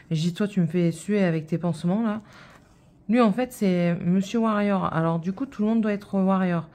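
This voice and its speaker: A woman's voice: on the low side, mellow. A woman in her thirties chatting casually while stitching, telling a rambling story full of fillers. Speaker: vlogger.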